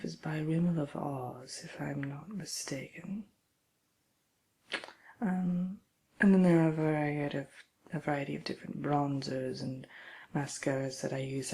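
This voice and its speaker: A woman as the slow, creaky Wicked Witch of the West. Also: sits low, dark tone, full character voice. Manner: haughty, unhurried, halting, partly whispered delivery. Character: vain, sinister, cynical Wicked Witch of the West. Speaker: host answering listener questions. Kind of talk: ASMR character roleplay chat.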